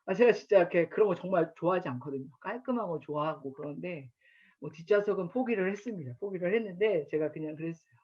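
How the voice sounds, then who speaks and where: A man's voice: sits high, fast, husky. A man in his thirties preaching at an online chapel, telling stories about his daughter and acting out her lines. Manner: warm storytelling with acted quotes of his daughter. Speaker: campus ministry pastor. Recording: dull lo-fi online chapel recording.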